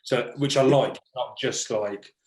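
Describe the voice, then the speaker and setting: A man's voice: mid-range voice, unhurried, darkish tone. A man hosting a casual interview, asking long, eager, rambling questions and restarting often. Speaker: podcast host. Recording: roomy echo.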